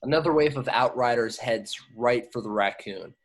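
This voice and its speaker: In a mid-range voice at a moderate pace, a man reads scripted action descriptions as the stage directions reader at an amateur table read. He occasionally stumbles and says words twice.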